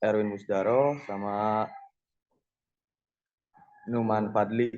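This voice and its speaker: A man's voice: fairly low pitch, level tone, slow, darkish tone. A man, a field work supervisor, reporting over a call on a choppy phone line that breaks up, giving short dutiful answers. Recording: dull distant phone line.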